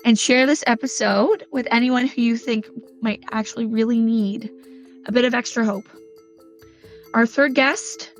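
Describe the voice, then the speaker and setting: A woman with a hoarse, croaky, slightly squeaky voice, chatting enthusiastically through a podcast intro. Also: fairly even intonation, a little slow. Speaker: podcast host. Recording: dull lo-fi sound with soft music. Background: faint background music.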